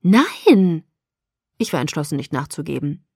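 A woman narrating a first-person audiobook in an expressive reading style. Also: mid-range voice, normal speed, no echo, clean studio sound. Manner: expressive, with varied character voices.

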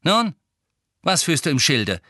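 A man's voice: fairly high pitch, animated, moderate pace, a bit bright, no room sound, studio quality, pitched above the performer's own voice. A man voicing a bitter, curt grown man who speaks scornfully, in an audiobook.

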